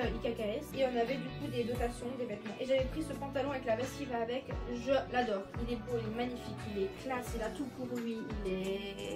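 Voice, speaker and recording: A chatty woman tells an embarrassing story straight to her viewers while sorting her wardrobe, her voice high and lively. She sits a little back from the mic in an echoey room, with faint music underneath. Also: distant mic. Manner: chatty, animated, addresses viewers directly. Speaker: vlogger. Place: bedroom with wardrobe.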